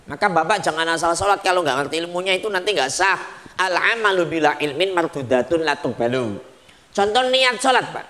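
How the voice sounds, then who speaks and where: Bright high-voiced male preacher. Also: a little fast. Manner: lively, mixing regional phrases and acted prayers. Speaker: Islamic preacher. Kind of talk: sermon.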